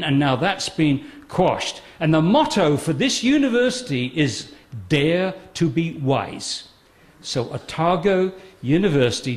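A man giving a public talk, emphatic and sarcastic, often repeating phrases for effect. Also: high voice. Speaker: guest speaker. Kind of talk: public talk on a health controversy.

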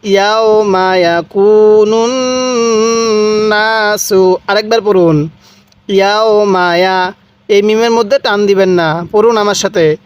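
A man with a Bangladeshi Bengali accent teaching Quran pronunciation, slowly spelling out and repeating each syllable for learners. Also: high-pitched. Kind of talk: slow step-by-step pronunciation lesson.

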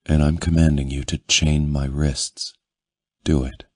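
Domineering, impatient man in a romance audiobook, growling commands, very deep and husky , voiced by the male narrator. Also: level tone, measured pace, no room sound, exaggerated voice. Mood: commanding.

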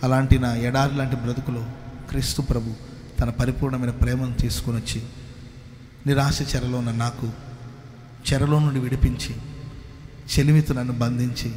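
A male pastor from Karnataka giving a sermon testimony, moving from soft pleading to loud exclamations and calling for hallelujahs. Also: mid-range voice. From Karnataka, India. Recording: echoey hall with faint noise.

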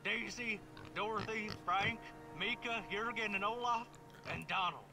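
An actor playing a gruff male pig keeper with a Southern US drawl. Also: high-pitched, a little slow, over music. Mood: fond.

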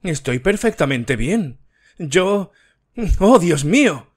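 A male narrator putting on a terrified widow on the edge of hysteria, pitched well above his own voice. Her words come high, strained and frantic, pleading in a storybook reading. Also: big pitch swings, takes it slowly, full character voice. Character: frightened widow, middle-aged woman, hysterical.

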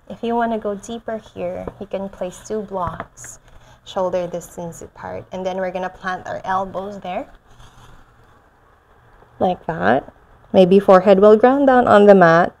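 Soothing, mellow woman yoga teacher. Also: medium pitch, a little slow, gravelly, slight background noise. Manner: soothing, gentle guiding. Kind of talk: guided restorative yoga and meditation instruction. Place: large bare indoor room with concrete floor. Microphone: chest-worn mic.

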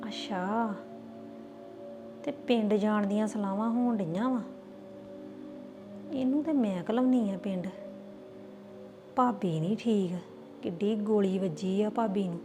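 A woman's voice: medium pitch, measured pace, pauses often, over music, close to an everyday voice. A woman playing a scheming woman who mutters sneering asides in a family drama.

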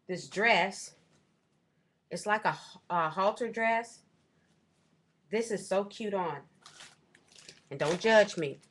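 Low-voiced woman chatting through a shopping haul. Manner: chatty, rambling, corrects herself often. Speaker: vlogger. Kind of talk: casual shopping haul show-and-tell. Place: small room at home, indoors. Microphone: webcam at desk.

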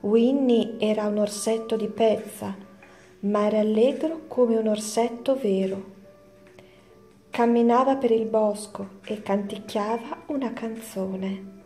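A woman teacher reading a children's story aloud in a slow, clear storytelling manner. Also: medium pitch, fairly even intonation, dark tone, echoey room, soft background music.

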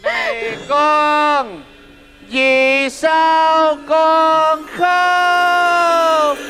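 A woman playing a bumbling male Santa Claus in a stage comedy sketch, drawling slow calls with odd bits of English. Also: very high voice, exaggerated voice. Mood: jolly. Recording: live stage with loud audience and music.

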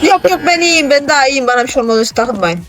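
A gaming channel host giving excitable, casual let's-play commentary, exclaiming and teasing a co-player. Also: sits high, quick pace.

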